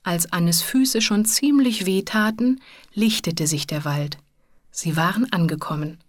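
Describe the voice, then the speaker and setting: A woman reading a children's story aloud in a calm, gentle way. She talks very slowly in a somewhat low voice. The sound is dry and close. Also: no room sound.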